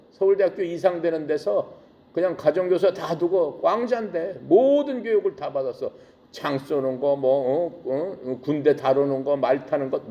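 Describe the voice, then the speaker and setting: A male preacher retelling a Bible story in a casual, animated way, full of rhetorical questions. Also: fairly high pitch, highs cut off. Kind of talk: sermon.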